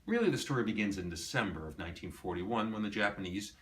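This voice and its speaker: A man's voice: fairly low pitch, animated, quick pace, fairly bright tone. A middle-aged man telling a story to a visitor about an item in his collection, acting out the quoted dialogue. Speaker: collector showing his library.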